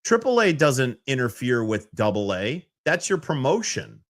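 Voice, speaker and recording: A man's voice: medium pitch, moderate pace. A man co-hosting a podcast, casual sports talk, arguing his point with business comparisons. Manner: lively, animated, argues with business analogies. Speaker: podcast co-host.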